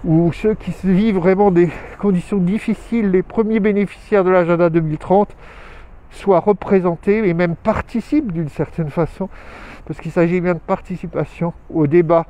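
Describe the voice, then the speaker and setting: The host of a weekly live show, a man with a high-pitched, mellow voice, speaks at a moderate pace in a steady tone. He's outdoors on town streets, filmed handheld on a phone or camera, giving a loose vlog update that drifts along hesitantly with frequent fillers.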